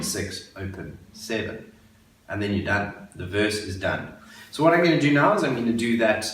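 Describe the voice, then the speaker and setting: A man's voice: lowish voice, slight background noise. A man giving a patient, step-by-step guitar lesson for beginners, counting beats and repeating each step. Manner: patient, explains slowly and repeats steps. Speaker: guitar teacher. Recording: very echoey room, voice a bit far from the mic, guitar playing.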